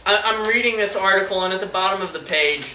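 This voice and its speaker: High, bright-voiced man cracking jokes. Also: fast talker, a little hiss or hum. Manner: wisecracking, reads news stories aloud. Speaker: show host. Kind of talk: casual comedic banter. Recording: echoey room.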